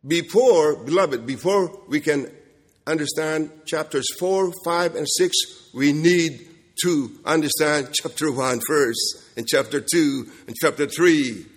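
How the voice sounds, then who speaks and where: A man's voice: on the high side, slow, husky. A man preaching an expository sermon with emphatic repetition, often checking in with short rhetorical questions. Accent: non-standard accent, self-described jokingly as Kentucky. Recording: echoey hall with long reverb.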